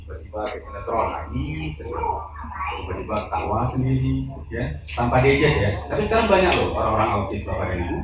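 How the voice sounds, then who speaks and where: Male seminar speaker, jokey and direct with the crowd, far from the mic in a boomy hall. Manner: joking, addresses audience directly, acts out examples. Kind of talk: live seminar talk to an audience. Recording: echoey hall, voice from far off, noisy.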